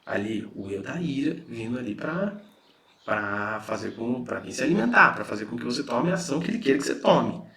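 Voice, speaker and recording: A spiritual teacher with a Brazilian Portuguese accent gives a casual spiritual lesson in a mid-range, animated voice that is brisk, pushed and bright. He explains conversationally and often checks in with his listeners.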